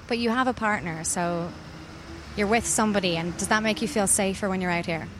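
A woman's voice: medium pitch, a little fast, background noise. An Irish woman interviewing someone outdoors on a street, asking probing questions.

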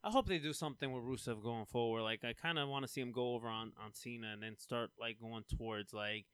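A relaxed man talks through the match card on a casual podcast, laughing easily. His voice is smooth and resonant. The recording is dry and close. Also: medium pitch, quick pace, dry recording. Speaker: podcast co-host. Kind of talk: casual wrestling chat.

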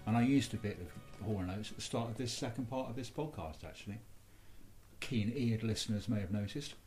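A man's voice: on the low side, fairly quick, a little mellow, faint music behind. A man hosting a podcast, giving discursive, casual commentary on culture in a musing way. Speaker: podcast host.

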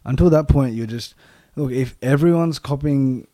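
Mellow-voiced man in reflective casual conversation. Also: medium pitch, normal speed, no echo, studio quality. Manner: repeats phrases for emphasis.

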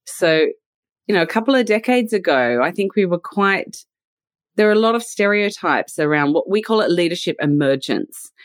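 Speaking at a normal speed with a fairly low, expressive voice, this Australian woman in her forties is a podcast guest who works as a leadership and culture consultant. She comes across thoughtful and warm, with ready laughter and "you know" fillers, and there's no room sound.

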